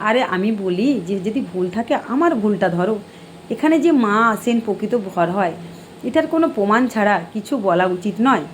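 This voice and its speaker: A woman's voice: medium pitch, expressive, fairly quick, a little hiss or hum. A middle-aged woman hosting a live stream, answering viewer comments in a preachy, admonishing way. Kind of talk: casual live-stream chat.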